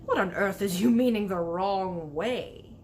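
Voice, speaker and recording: A woman voicing a big male storybook giant, excitable, proud and indignant, with muddled grammar and emphatic drawn-out exclamations. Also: mid-range voice, slight background noise, lightly acted.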